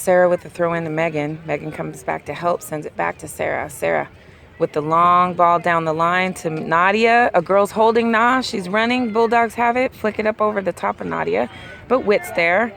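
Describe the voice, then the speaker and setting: Outdoors, over crowd and traffic noise, an amateur woman commentator gives rapid play-by-play of a youth soccer match in a lowish voice. She is hoarse and losing her voice, and she gets excited and louder at key plays.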